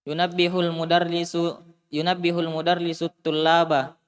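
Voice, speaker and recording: A young man reads text aloud in a monotone, with a clear and fairly high voice. He recites steadily and then translates. His voice has a long reverb behind it. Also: moderate pace. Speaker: student.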